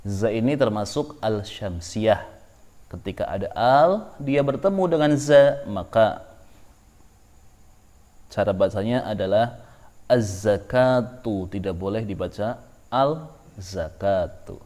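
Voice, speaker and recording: A man's voice: on the low side, lively intonation, takes it slowly, long pauses, warm tone. A man teaching a tajwid lesson, patiently repeating each rule and example in turn. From Indonesia. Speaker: Quran recitation teacher.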